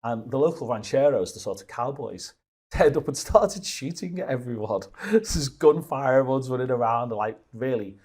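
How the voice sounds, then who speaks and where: A man's voice: medium pitch, animated, moderate pace, darkish tone, slightly rough. A man in his fifties from Liverpool, a guest telling stories in a casual, rambling way with many restarts. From Liverpool, England. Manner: rambling storytelling with frequent restarts. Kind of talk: casual conversational interview.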